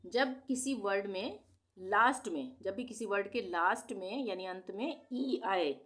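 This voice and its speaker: Woman teacher, medium pitch, patient and repetitive, spelling lesson delivery. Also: fairly bright tone. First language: Hindi. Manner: patient, repeats each example word slowly. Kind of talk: explaining English spelling rules.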